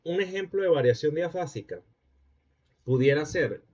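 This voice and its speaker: A man's voice: fairly high pitch, expressive, normal speed, darkish tone. A man with a Venezuelan accent teaching a linguistics class, explaining step by step and often checking in with his students. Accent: Venezuelan Spanish. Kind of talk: lecturing a class. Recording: muffled lo-fi audio.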